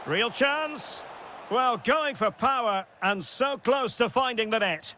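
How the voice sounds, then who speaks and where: A man's voice: very high-pitched, measured pace, sharp tone, slight background noise. A man calling a football match as play-by-play commentator, reading out player names and rising sharply on goals and chances. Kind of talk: video game match commentary.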